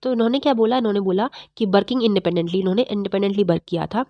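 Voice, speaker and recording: A woman teaching chemistry in a fast, repetitive exam-prep lecture, slightly unwell. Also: mid-range voice, steady tone, no room sound, dull audio. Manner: fast-talking, repetitive quizzing of students.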